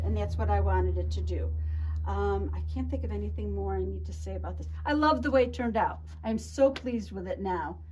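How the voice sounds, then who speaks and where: A woman giving a casual show-and-tell tutorial on her quilting projects, chatty, talking fast and a lot with frequent restarts. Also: fairly high pitch, a little mellow, a little hiss or hum. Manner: chatty, talks fast and a lot, self-interrupting. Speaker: quilt shop co-owner showing projects.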